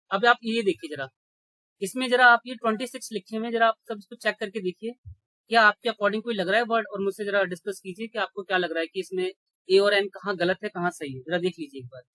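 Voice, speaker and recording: A man's voice: sits high, fairly quick, bright, forceful tone, no echo, low-quality recording. A man teaching an exam-prep grammar lecture, explaining rules step by step, checking in with his students and answering his own questions. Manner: asks rhetorical questions and answers them.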